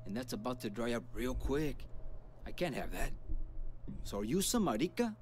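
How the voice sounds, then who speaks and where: An actor voices a suspicious, menacing gang boss in a video game, confrontational, streetwise and heavy on curses, sounding wary and gruff. His mid-range voice swings widely in pitch at a normal speed and otherwise sounds like an everyday voice, with slight background noise.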